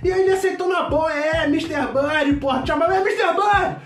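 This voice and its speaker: For a comedy sketch, an actor with a very high male voice plays a loud, brash, middle-aged mechanic with a Carioca accent who shouts, swears constantly and rambles at normal speed. The boisterous performance is recorded in an echoey room from a distant mic, with faint music.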